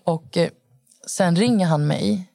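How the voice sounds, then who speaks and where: A woman's voice: lowish voice, vocal fry, mellow, no echo, studio quality. A young woman guest telling her own story in casual talk, rambling with many fillers. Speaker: podcast guest. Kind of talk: personal account in casual conversation.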